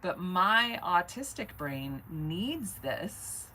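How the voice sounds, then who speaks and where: A woman's voice: lowish voice, big pitch swings, drawn-out words, pushed and bright, a little hiss or hum, poor audio. A woman in her forties talking in a rambling, chatty live-stream monologue, swearing casually and laughing often. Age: 40s. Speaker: vlogger.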